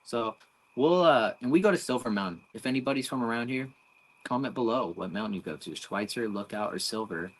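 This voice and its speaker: A man's voice: mid-range voice, lively intonation, a little fast, rough recording. A man in his twenties co-hosting a casual livestream, reading out viewer comments in a chatty way. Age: 20s. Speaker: livestream co-host.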